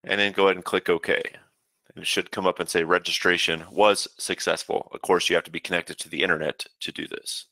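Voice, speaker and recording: Man, low-pitched, forceful bright tone, dry close sound; casual webinar trainer who walks through settings step by step. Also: a little fast, vocal fry, no room sound. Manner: casual, steady instructional talk with frequent "uh" fillers. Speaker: software trainer. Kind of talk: webinar software walkthrough.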